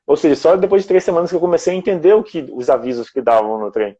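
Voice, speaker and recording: A man's voice: on the high side, quick pace, mellow, lo-fi sound. A man from Brazil in casual conversation as a guest, explaining things step by step in a reflective way.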